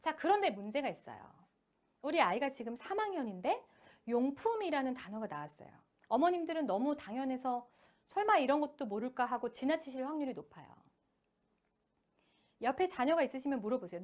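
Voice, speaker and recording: A woman gives a lecture to parents in a high, bright voice. Her pitch leaps up and down with great animation as she speaks politely to them. When she reads example sentences aloud, she slows down and splits them into short, clearly spaced phrases. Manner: addresses parents politely, acts out parent and child quotes. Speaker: education team leader giving a lecture to parents. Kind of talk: lecture to parents on children's reading.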